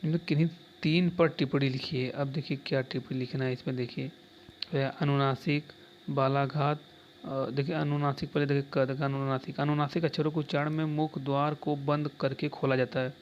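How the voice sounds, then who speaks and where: A man's voice: medium pitch, little pitch movement, normal speed. A man teaching an exam-prep lesson, reading answers aloud step by step, often repeating terms and saying "dekhiye". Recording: slightly dull lo-fi recording with faint background noise.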